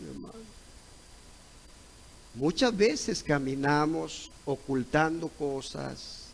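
Slow-talking high-voiced Mexican preacher man. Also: creaky, poor audio. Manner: retells a dialogue, repeating "correcto" and "¿ve?"; rises to loud exclaimed cries when acting out others. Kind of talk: Sunday school sermon.

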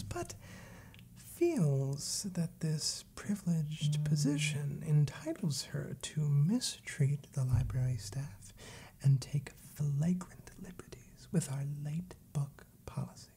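A man's voice: a little high, vocal fry, mellow, slight background noise. A man in his twenties playing a fussy, exasperated, wordy librarian scolding a child in a whispered role-play. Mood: indignant, confiding. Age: 20s. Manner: prim, wry, wordy.

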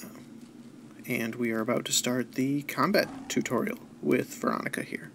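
A man's voice: mid-range voice, steady tone, normal speed, vocal fry, slight background noise. A man giving casual, laid-back commentary on a game he is playing, thinking aloud and making dry jokes. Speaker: let's play host. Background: loud game music.

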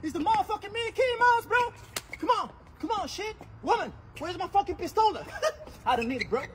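A man's voice: very high-pitched, big pitch swings, normal speed, noisy background, voice pushed up. A man doing a brash swearing street guy. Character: swaggering foul-mouthed American street guy.

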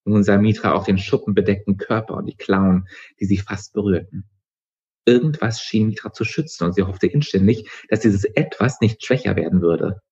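A male author reading his novel aloud in steady, measured narration. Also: lowish voice, husky, highs cut off. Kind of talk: live book reading.

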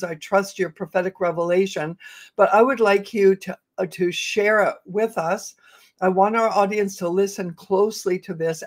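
An older woman hosting a devotional talk, speaking to her audience in measured short phrases. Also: on the low side. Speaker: host of a prayer programme. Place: indoor room, video call. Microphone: video call microphone.

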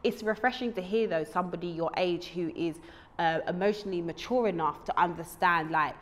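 A woman, hosting a casual interview, chatty, frank and animated, in a small studio set. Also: on the low side, fairly quick. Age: 30s. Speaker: host. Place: small studio set with lamp and fireplace screen.

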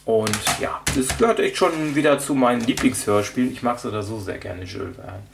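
In a brisk, gravelly, medium-pitched voice, a vlogger rambles through his audio drama collection, hesitating as he thinks aloud. The show-and-tell is casual and unscripted, recorded indoors at a table with him off camera. Background noise is noticeable.

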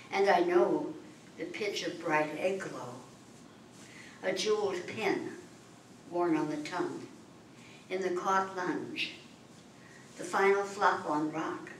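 An older woman at a library open mic, reading free verse in a measured, deliberate way with pauses between phrases. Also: lowish voice. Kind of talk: slow, measured poetry reading. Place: library meeting room, at a podium. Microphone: podium mic, far camera. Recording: echoey room from far off, faint hiss.

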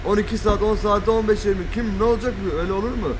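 Young male courier, rapid high delivery, wry colloquial complaints in a street interview. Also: steady tone, a crowd in the background, rough recording. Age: young adult. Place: outdoors on a pavement by a shopfront. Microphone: interviewer's action camera. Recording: outdoor street and vehicle noise.

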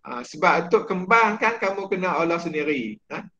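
A man with a Malaysian Malay accent, a religious studies teacher giving a chatty exam-prep lecture, with many fillers and quick checks on his students. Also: high-pitched, animated, pushed and bright, muffled recording.

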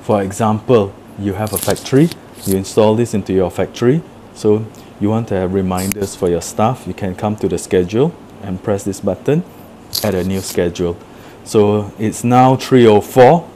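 A man's voice: on the low side, mellow, slight background noise. A man casually walking through a product demo, explaining each step plainly in an office room. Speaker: product demonstrator. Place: indoor office room with a table.

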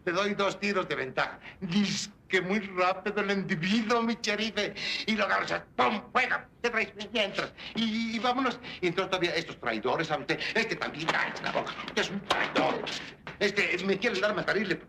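A man's voice: sits high, moderate pace, gravelly, background noise. An actor playing a rambling, cheeky small-town man with a Mexican Spanish accent, joking and dropping broken English words in a 1960s film comedy.

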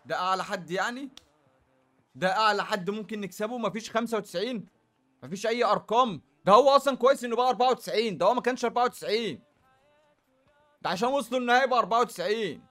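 A man with an Egyptian Arabic accent commenting on opening game packs, animated, jumping between loud outbursts and low muttering. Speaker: gaming YouTuber.

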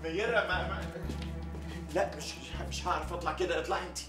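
A man's voice: sits high, fairly even intonation, fast talker, recorded from a distance, over music, lightly acted. An actor playing a bumbling middle-aged man in an Egyptian Arabic sitcom, stammering through rambling excuses. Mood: sheepish. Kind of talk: sitcom acting. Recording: roomy set, voice from off-mic.

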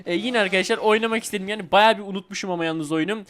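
A man giving playful, excitable commentary while playing a video game, pleading and repeating himself. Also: high voice, racing. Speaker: gaming YouTuber.

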